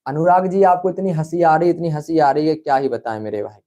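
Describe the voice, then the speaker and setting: Young male online tutor, high-pitched, repetitive and coaxing, quizzing a live class. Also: fast talker, warm tone. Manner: coaxing, repetitive, calls students brother. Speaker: online exam-prep teacher.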